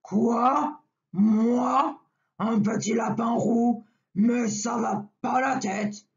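A woman's voice: a little high, fairly even intonation, very slow. A woman voicing a huge, grumpy brown bear, indignant and threatening. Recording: dull lo-fi recording, off-mic.

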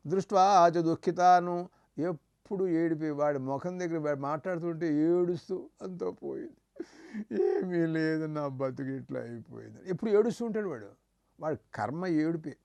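A man's voice: high voice, darkish tone, clear, resonant tone, dry recording. A man giving a spiritual discourse, chanting verses and acting out short voices in his stories. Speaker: spiritual teacher. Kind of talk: devotional discourse.

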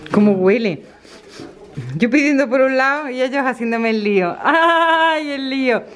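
A woman's voice: high-pitched, expressive, unhurried, slight background noise. A woman, chatting casually in her vlog, laughing often and acting out what others said. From Spain. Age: 50s. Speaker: vlogger.

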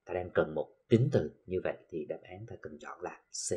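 A man with a Southern Vietnamese accent teaching an English lesson, explaining slowly with many filler sounds and reading English examples carefully. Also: low voice, darkish tone, breathy edge, dull audio. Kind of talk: recorded classroom lesson for TV.

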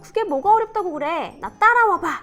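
A woman's voice: lively intonation, a little fast, a bit bright, faint music behind. Woman doing a bouncy speech-bubble critter. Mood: eager. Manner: bouncy, eager, high squeals. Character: cheerful bold speech-bubble creature.

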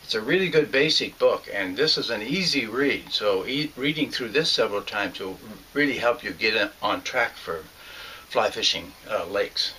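A man's voice: on the low side, animated, normal speed, sharp tone, a little hiss or hum. An older man teaching a fly fishing lesson at home, talking in a plain, earnest way with some fillers and restarts. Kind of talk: instructional narration. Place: small home room with shelves.

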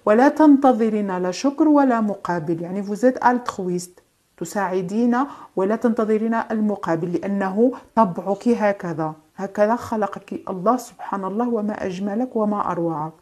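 Warm-voiced woman reading tarot. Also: medium pitch. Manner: gentle, reassuring, drawn-out phrasing with hesitations and French phrases. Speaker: tarot reader.

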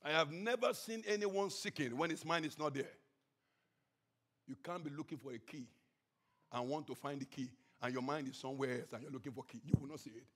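A man preaching a sermon with passion, swinging between shouts and hushed tones. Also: fairly high pitch, brisk, slightly rough. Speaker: pastor.

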